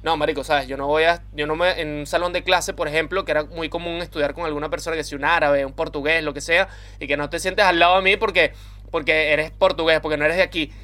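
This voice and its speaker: Rich: A young Venezuelan-accented man talking very fast in a bright, forceful voice. He argues emphatically in a casual podcast chat. His voice sits a little high. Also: steady tone. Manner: emphatic, rapid, repetitive. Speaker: podcast co-host.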